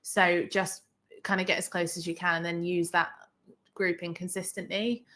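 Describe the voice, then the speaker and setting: A woman co-hosting a casual podcast, reacting in an animated, exclamatory way. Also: on the low side, normal speed. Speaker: podcast co-host.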